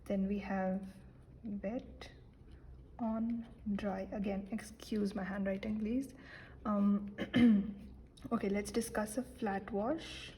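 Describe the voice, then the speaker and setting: A young woman giving a relaxed painting lesson, chatty and self-deprecating, with many fillers and soft whispered asides. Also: medium pitch, slow, slight background noise, poor audio. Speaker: art teacher. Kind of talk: casual painting tutorial.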